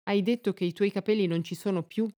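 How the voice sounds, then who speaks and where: A woman's voice: mid-range voice, fairly even intonation, quick pace, dark tone, lightly acted. A woman reading as a stunned young husband.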